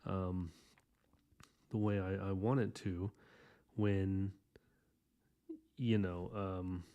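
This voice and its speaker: Rambling man in his thirties, warm low voice. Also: little pitch movement, extremely slow, clear, resonant tone, lo-fi sound. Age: 30s. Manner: rambling, loose and chatty, lots of fillers and restarts. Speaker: artist hosting a drawing podcast. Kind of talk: casual drawing tutorial while sketching.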